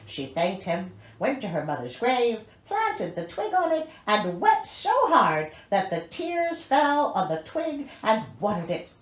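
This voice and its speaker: Her voice sits at medium pitch, very animated, moving at a measured pace with hardly any pauses. As host, she reads the storybook theatrically, tossing in mocking, incredulous comments. The sound is echoey and roomy.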